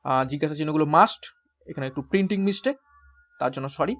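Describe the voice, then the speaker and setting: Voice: mid-range voice, lively intonation, very fast, a bit bright, highs cut off. A teacher giving an exam-prep grammar lesson, explaining each step and answering their own questions along the way. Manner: spells words out letter by letter. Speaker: English teacher.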